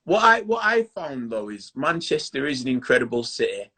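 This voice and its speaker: A man's voice: medium pitch, big pitch swings, normal speed, bright, forceful tone. Upbeat Yorkshire male host, plain-spoken, mid-range voice, casual call chat.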